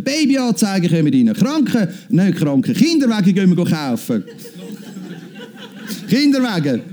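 A man's voice: high voice, mellow. A man preaching a sermon, repeating key phrases for emphasis and calling out amen and hallelujah.

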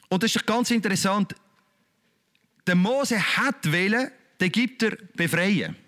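A man's voice: sits high, fairly bright tone. A man with a Swiss German accent preaching a sermon in a colloquial, emphatic, repetitive way.

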